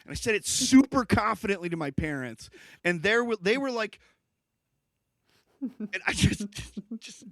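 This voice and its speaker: A man's voice: very animated, unhurried, pauses often, a bit bright, no echo. A man in his thirties from Michigan, co-hosting a podcast and telling rambling stories full of fillers. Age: 30s. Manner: rambling, filler-heavy storytelling, swinging pitch. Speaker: podcast co-host. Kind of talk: casual chat.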